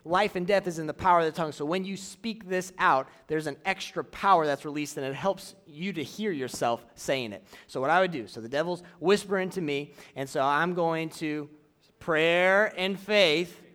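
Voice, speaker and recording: A young man preaching casually to a church audience, drawing out key phrases slowly and running a live object lesson. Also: a little high, fairly bright tone, smooth. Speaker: youth pastor.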